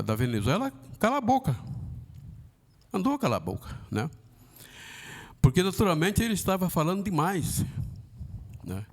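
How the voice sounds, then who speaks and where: A man with a Brazilian Portuguese accent teaching a church Bible lesson, talking haltingly with many fillers and tag questions, and acting out the voices he quotes. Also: medium pitch. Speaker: Sunday school teacher.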